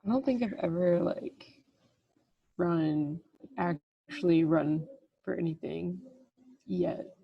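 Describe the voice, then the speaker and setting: A woman with a lowish, gravelly voice chats on a casual podcast, laughing through her stories as an athletic trainer. The recording is dry and a bit dull, with a lo-fi sound. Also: slow pace, pauses often, no room sound. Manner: chatty, laughs while telling stories.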